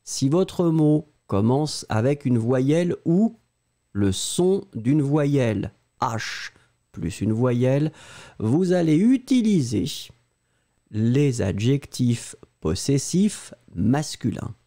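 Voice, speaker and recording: Slow, mellow-voiced French teacher man. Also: medium pitch. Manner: patient, spells words letter by letter, answers viewers by name. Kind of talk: live-streamed grammar lesson.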